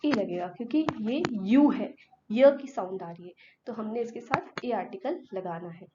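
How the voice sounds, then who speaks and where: A woman's voice: medium pitch, expressive, moderate pace, dull audio, heavy background noise. A woman teacher giving an exam-prep grammar lesson. She asks her students questions and answers them herself, mixing English words into Hindi.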